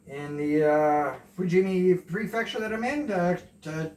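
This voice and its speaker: A man in his forties from Canada talks casually while cooking at home, his speech wandering and self-deprecating, betraying some camera nerves. He has a high voice with a darkish tone and keeps a measured pace. The recording comes from a camera a few steps away in a small indoor kitchen and sounds roomy and distant.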